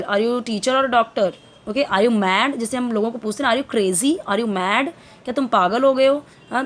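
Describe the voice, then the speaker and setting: A woman giving an English lesson, explaining slowly in a mix of Hindi and English with many fillers. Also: on the high side. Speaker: English teacher.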